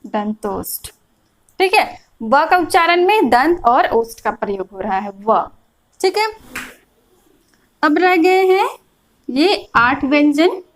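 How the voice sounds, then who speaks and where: High-voiced woman teaching grammar patiently. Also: big pitch swings, slow, long pauses, low-quality recording. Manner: patient, repeats points, checks in with frequent "is that clear". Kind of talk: classroom lecture explaining a chart.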